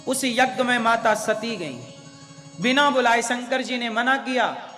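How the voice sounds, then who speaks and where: A preacher delivering a devotional sermon in a very high, bright voice. He speaks slowly and with emphasis, often putting questions to his listeners. His voice rings through a large echoing hall with soft music behind. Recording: echoey hall with long reverb.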